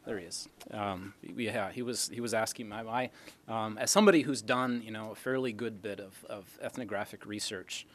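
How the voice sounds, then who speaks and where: In a noisy lecture hall recording, a middle-aged academic answers audience questions, explaining through rhetorical questions. He speaks at normal speed in a steady, low-side voice.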